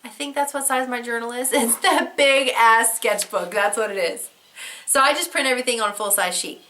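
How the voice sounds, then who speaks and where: A woman with a fairly high, bright, pushed voice talks a little fast, with slight hiss or hum on the recording. She's the host of a casual show-and-tell craft vlog, fighting a head cold and a fading voice. She chats and rambles as she shows her work, using fillers and restarts, candid and swearing casually.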